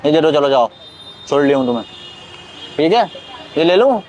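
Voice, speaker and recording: A man playing a swaggering small-time male street thug who talks rough, boastful and bullying, in a staged sketch. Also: fairly high pitch, sing-song, moderate pace, a little mellow, a little hiss or hum. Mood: menacing.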